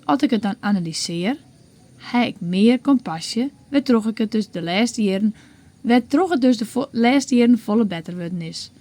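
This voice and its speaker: Frisian lady reading out her own blog, bit high voice, mellow and warm, thoughtful and steady. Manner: reflective, measured reading. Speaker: blogger.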